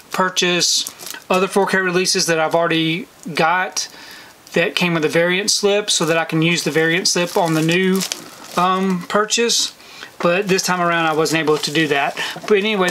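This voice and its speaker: A man's voice: high voice, sharp tone, a little hiss or hum, poor audio. A middle-aged man hosting a casual unboxing vlog, talking in an easygoing, rambling way with frequent ums, in a shelf-lined basement room. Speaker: video collector channel host. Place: basement room lined with disc shelves, indoors.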